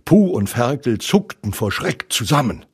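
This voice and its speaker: A man narrating a children's story aloud in a slow, expressive manner. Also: lowish voice, slightly rough. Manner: slow, lively storybook delivery.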